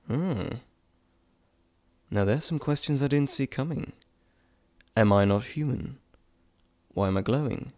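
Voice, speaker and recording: A man's voice: medium pitch, dry recording. A man playing Hermes, a playful, rambling messenger god, in a chatty, theatrical, teasing way for an audio roleplay. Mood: playful, exasperated. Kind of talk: scripted audio roleplay addressed to the listener.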